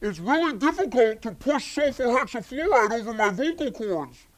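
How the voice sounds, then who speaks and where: A science presenter explaining a demonstration while their voice sounds deepened by a heavy gas they have breathed in. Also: expressive, normal speed.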